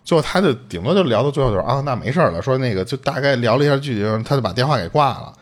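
A man's voice: medium pitch, rapid-fire. A man, hosting a podcast and retelling a listener's eerie story in casual chat, acting out quoted lines and swearing. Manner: animated, swearing, acts out quoted speech.

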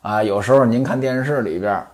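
A man's voice: medium pitch, fairly quick. A man narrating in the traditional storytelling style, with chatty asides to the listener and a playful, knowing tone.

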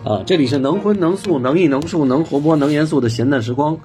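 A man's voice: on the high side, fast talker, dark tone, soft background music. A man from Beijing with a Beijing accent, co-hosting a podcast in casual, jokey, colloquial chat. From Beijing, China. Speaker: podcast co-host. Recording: faint background noise and room ambience.

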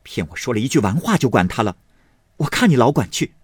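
A proud, sharp-tongued young maid talks in a raised, bouncy voice, as a male reader puts her on. Her pitch jumps about lively, and the sound is dry and close. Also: moderate pace, husky, dry recording. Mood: cold. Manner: lively, teasing, then cold.

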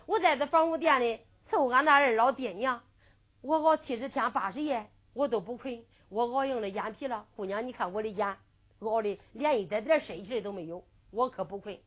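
A woman's voice: a little high, fairly quick, lightly acted. A woman storyteller voicing a sly young man disguised as a maid, who mutters asides and stubbornly refuses in a whining tone. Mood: stubborn pleading. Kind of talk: traditional storytelling with sung ballad. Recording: lo-fi dull recording.

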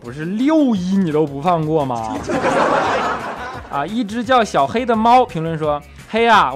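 A man's voice: high voice, fairly bright tone. Teasing man. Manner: teasing, quick comebacks, chuckling often. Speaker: podcast host reading listener comments. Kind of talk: comedic comment-reading show.

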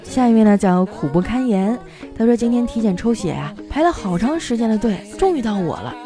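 Woman comedy host, fairly high voice, reads jokes with a swooping delivery and quick character voices. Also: music in the background. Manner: animated, switches into character voices for quotes. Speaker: host reading listener jokes. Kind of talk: comic joke reading.

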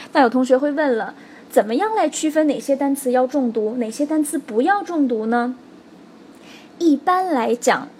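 A woman teaching a spoken English lesson, explaining stress rules clearly and stopping to check in with her students. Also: high voice, a little mellow, a little hiss or hum. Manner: explains slowly and clearly, stressing example words, checks in with "OK?" and "right?".

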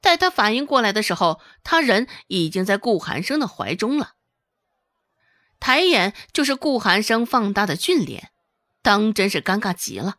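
A woman narrating a serialized novel in an expressive storytelling manner. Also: mid-range voice, normal speed, no echo. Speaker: audiobook narrator.

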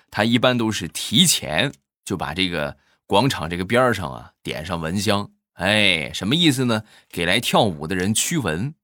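A man rattles off short jokes in a relaxed, chatty way. His voice sits low but rises and falls a great deal. The recording is close and dry. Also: dry recording. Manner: chatty, storytelling with frequent "啊" tags. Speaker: comic storyteller.

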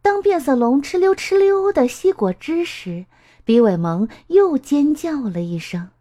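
A woman reading a children's story aloud, slow and expressive in a sing-song way. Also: high voice.

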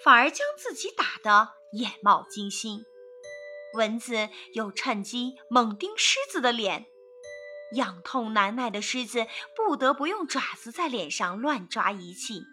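A woman narrating a storybook for children in an expressive, sing-song way. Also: on the high side, a little slow, faint music behind.

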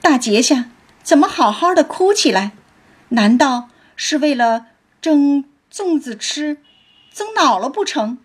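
A woman voicing a playful, sharp-witted young noblewoman who teases in a breathy voice. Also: on the high side, lively intonation, measured pace. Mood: teasing. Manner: playful, teasing.

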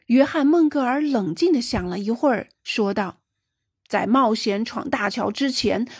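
Woman, storybook narration, somewhat high pitch, dry sound. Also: a little mellow, husky, no echo. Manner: raises pitch and volume for quoted dialogue. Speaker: audiobook narrator. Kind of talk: scripted narration.

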